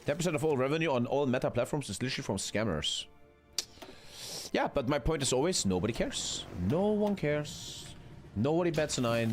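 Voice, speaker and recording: A man, streaming a strategy game live, chatting with his viewers and swearing casually. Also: medium pitch. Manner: swearing, chatty, reading chat aloud. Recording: faint music behind.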